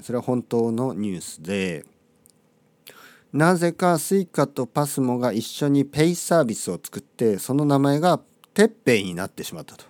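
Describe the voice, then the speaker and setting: Casting: middle-aged man, playful chatty host, animated pitch, dry close sound. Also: dry recording. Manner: chatty, playful, amused asides. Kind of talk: casual monologue.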